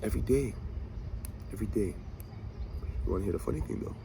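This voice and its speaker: A man in his twenties giving an animated, preachy motivational monologue to camera, talking to himself and his viewers with swagger. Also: lowish voice, fast, vocal fry, background noise. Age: 20s. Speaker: vlogger.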